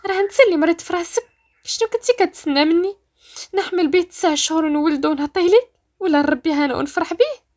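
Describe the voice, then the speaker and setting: A woman's voice: very high voice, expressive, very fast, voice pushed up. A woman doing a tearful, frantic young Moroccan woman. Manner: pleading and shouting through tears. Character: frightened pregnant young woman, desperate and stubborn. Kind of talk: storytelling voice-acting.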